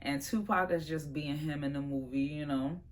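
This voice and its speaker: A woman vlogger reviewing her favorite movies in a casual, animated, slangy chat that talks straight to her viewers. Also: deep voice, moderate pace. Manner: animated, slangy and chatty, addresses viewers as y'all.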